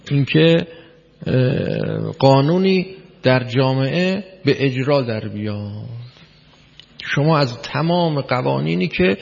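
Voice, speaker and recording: A man's voice: mid-range voice, gravelly, a little mellow. A man giving a spoken lecture, explaining step by step, repeating key words and putting questions to his listeners. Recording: long hall reverb, dull lo-fi sound.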